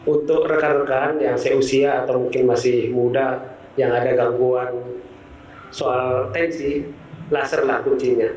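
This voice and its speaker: A man in his sixties with an average-pitched voice, heard from a distance in a reverberant space. He offers a guest testimonial with advice. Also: fairly even intonation, measured pace, a little mellow, a little hiss or hum. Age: 60s. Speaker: talk show guest giving testimonial. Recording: echoey, distant from microphone.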